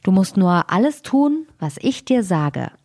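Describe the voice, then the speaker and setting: A woman reading a fairy tale, voicing a cunning male fiddler who gives brisk orders. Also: medium pitch, sing-song, warm tone. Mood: commanding.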